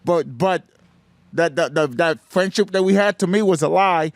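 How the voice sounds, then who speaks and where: A man's voice: a little high, normal speed, no room sound. A man co-hosting a podcast who asks pointed questions and states firm opinions bluntly. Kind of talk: casual podcast chat.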